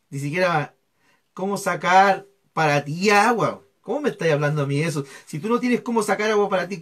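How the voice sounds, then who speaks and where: A male pastor delivers a sermon in a notably high voice. He peppers his preaching with rhetorical tags and swells into fervent, insistent passages.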